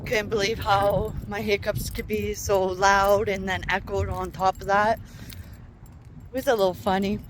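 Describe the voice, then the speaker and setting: A woman's voice: mid-range voice, little pitch movement, a little slow. Hiccuping woman vlogging on a walk. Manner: chatty, rambling, talking to viewers. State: hiccuping repeatedly. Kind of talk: casual walking vlog. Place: outdoors walking along streets. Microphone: handheld phone while walking. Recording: outdoor phone recording with street noise.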